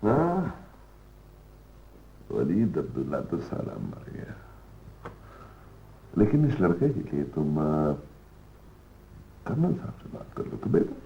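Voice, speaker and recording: A man's voice: low voice, wildly swooping pitch, slow pace, vocal fry, pauses often, slight background noise, full character voice. An actor playing a contemptuous, domineering official who talks down to his visitors, on a muffled old TV drama soundtrack. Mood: scornful. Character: scornful, domineering middle-aged man with authority. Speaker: powerful official holding a prisoner.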